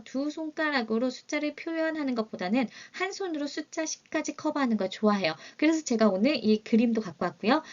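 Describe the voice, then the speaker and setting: A woman teaching Chinese vocabulary in an online lesson, drilling words slowly for learners to repeat. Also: high voice, highs cut off.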